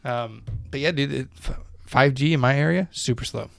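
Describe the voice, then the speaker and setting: A man talks loosely and profanely, drifting from one thought to the next as a podcast co-host. His voice sits at an ordinary middle pitch. The sound is close and dry, with no room echo. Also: moderate pace, gravelly, a bit bright, faint music behind. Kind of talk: casual chat. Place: home.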